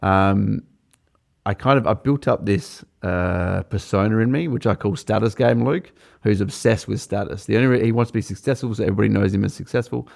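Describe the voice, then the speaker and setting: A man hosting a podcast, talking reflectively in a casual conversation, with halting starts and restarts. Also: fairly low pitch, creaky, darkish tone. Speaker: podcast host.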